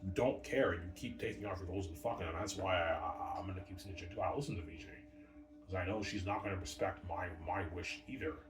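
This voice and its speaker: A man's voice: sits low, quick pace. A man in his thirties talking at home late at night in a meandering, casual monologue, swearing and arguing with people who aren't there. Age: 30s. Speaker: vlogger. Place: room at home, family upstairs. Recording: echoey room, distant mic, background noise and music.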